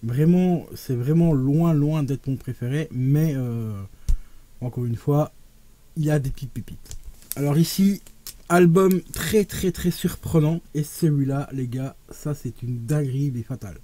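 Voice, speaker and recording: A man chatting casually and enthusiastically to his viewers as he shows off his vinyl collection, talking to them like friends. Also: measured pace. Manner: animated, with sudden rises and drops in pitch and loudness. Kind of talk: casual unboxing vlog.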